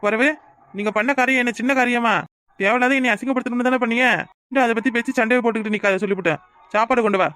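A woman voicing a gruff, short-tempered village husband. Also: on the high side, steady tone, racing, a bit bright, lightly acted. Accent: southern Tamil, Kanyakumari. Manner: gruff and demanding, snaps orders. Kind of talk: cartoon voice acting.

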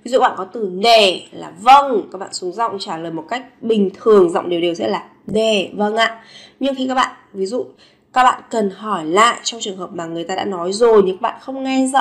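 A woman with a Vietnamese accent teaching a language lesson, repeating short phrases slowly and with lively expression. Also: mid-range voice.

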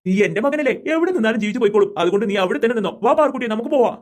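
A rapid-talking cartoon dad. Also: male voice, extremely high pitch, animated. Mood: gentle. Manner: gentle, reassuring. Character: easygoing cartoon father.

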